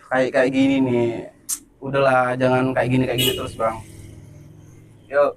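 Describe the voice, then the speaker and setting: Teasing, calm man in a skit. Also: mid-range voice, moderate pace, background noise. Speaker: skit lead and channel host. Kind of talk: amateur skit acting.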